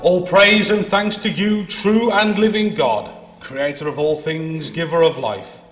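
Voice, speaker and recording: A man leading Mass, intoning the prayers in a measured, solemn way, with a cathedral echo around him. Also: a little high, music in the background. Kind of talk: liturgical prayer, partly sung. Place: large church. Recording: long echo of a large church.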